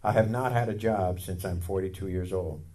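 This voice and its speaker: A man in his fifties gives a testimony during a sermon, telling a personal story and acting out what other people said with growing excitement. His voice sits low and he speaks at a moderate pace.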